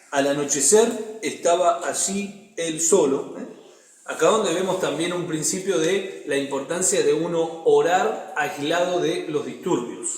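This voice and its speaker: A man with an Argentine accent teaches a Bible study, reading passages aloud and then explaining them. His voice sits high for a man. It carries a long echo through a roomy hall. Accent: Argentine Spanish. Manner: reads scripture aloud, then explains it conversationally. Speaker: pastor leading a Bible study. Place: church hall. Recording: echoey hall, reverberant room.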